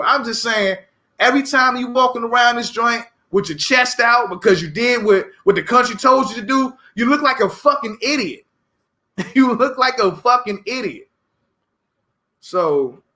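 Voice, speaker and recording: A young man with a high, bright voice hosts an unscripted podcast, talking in a loose, profane rant. He slips into sudden shouted bursts and then falls back to low, muttered asides. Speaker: podcast host. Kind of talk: unscripted casual monologue.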